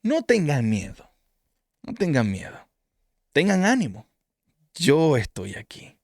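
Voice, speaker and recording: A man voicing a calm, patient male teacher who speaks slowly and gently. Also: on the high side, no echo, clean studio sound, exaggerated voice. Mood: reassuring.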